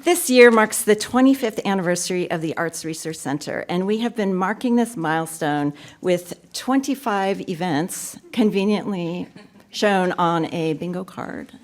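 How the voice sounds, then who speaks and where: A woman opening a university poetry reading, giving warm welcoming remarks and announcements into a podium mic. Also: on the low side. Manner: warm, gracious and upbeat, with filler ums. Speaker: event host introducing a poetry reading. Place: university lecture room.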